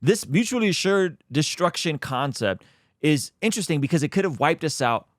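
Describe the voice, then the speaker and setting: A man from Azerbaijan hosts his own YouTube channel, offering earnest, emphatic faith-based commentary on current events directly to his viewers. His voice is a little high and expressive at normal speed, recorded in clean studio sound with no room sound.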